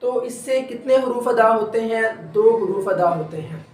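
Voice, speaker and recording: A man's voice: very high-pitched, animated, moderate pace, echoey room, slight background noise. A man teaching a recorded tajweed lesson, explaining step by step and drawing out each sound to demonstrate it. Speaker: Quran recitation teacher.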